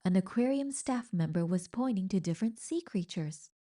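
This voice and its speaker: A woman with a medium-pitched voice reads a children's picture book aloud, telling the story in an expressive, deliberate way.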